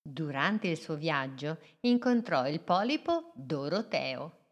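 A woman reads a children's storybook aloud. Her voice sits low, she reads very slowly, and she gives the words a gentle, expressive lilt.

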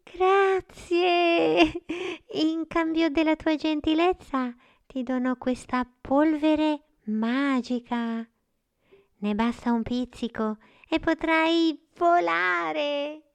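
Woman doing a tiny high fallen star. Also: drawn-out words, gravelly, heavily acted. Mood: joyful. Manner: high, light and sing-song. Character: small fallen star girl, sweet and grateful.

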